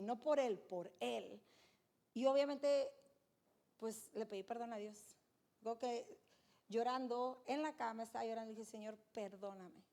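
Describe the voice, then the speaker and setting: A middle-aged woman with a fairly high voice gives a faith testimony as a guest speaker. She is animated and emphatic, and she turns often toward her audience.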